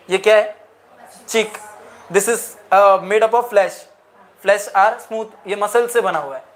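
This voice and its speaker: A man's voice: high-pitched, fairly bright tone, slight background noise. A man teaching a lecture, mixing in English phrases and asking the class questions again and again. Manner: asks the class repeated questions.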